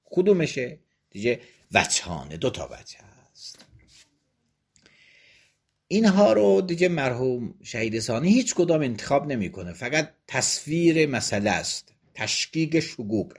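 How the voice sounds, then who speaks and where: Man, husky voice, lively rising and falling pitch, reads a text aloud then explains it step by step, seminary lecture. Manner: reads passages aloud, then explains them plainly point by point. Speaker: religious law teacher.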